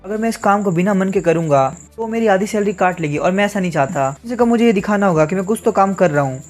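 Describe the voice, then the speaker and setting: A man reading the lines of a sleepy, lazy young male teacher who is a skilled swordsman. He reads them in a flat, offhand way. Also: high-pitched, fast talker, natural voice. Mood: grumbling.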